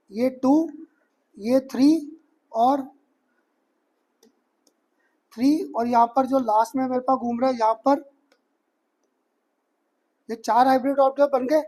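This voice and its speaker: A man teaching a chemistry class in a loose, conversational way, slipping in English technical terms and asking if everything is clear. His voice sits high, with a mellow, soft-edged tone. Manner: chatty, keeps asking students if it is clear. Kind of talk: classroom lecture.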